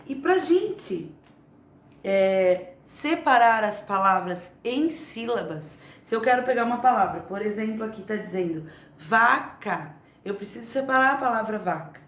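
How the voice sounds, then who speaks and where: A woman teacher giving a remote lesson to young children, explaining slowly and patiently. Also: mid-range voice, slight background noise. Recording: echoey room, faint ambience.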